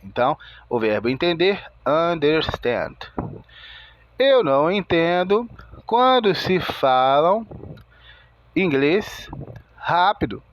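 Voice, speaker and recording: Male language teacher, higher voice, deliberate step-by-step explaining. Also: big pitch swings, highs cut off. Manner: slow, methodical, spells out sounds word by word. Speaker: English teacher. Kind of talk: video lesson explanation.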